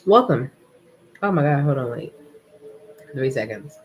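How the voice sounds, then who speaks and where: A woman vlogging in a relaxed, rambling way, often interrupting herself and sounding a bit drowsy. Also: rumbling low, normal speed, slight background noise, poor audio. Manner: chatty, rambling, self-interrupting; drowsy, easygoing. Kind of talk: casual spiritual vlog chat.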